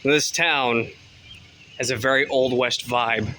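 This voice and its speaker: Speaking slowly over a little hiss or hum, a man rambles and swears through a casual vlog he records on his phone outdoors. He's out on a rural delivery route, and his pitch swings in a lively way.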